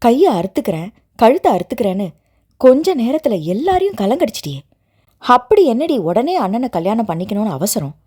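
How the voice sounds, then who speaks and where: A woman's voice: medium pitch, very animated, moderate pace, warm tone. A woman reading a novel aloud, voicing a hot-tempered young college student who scolds her friend sharply. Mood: furious.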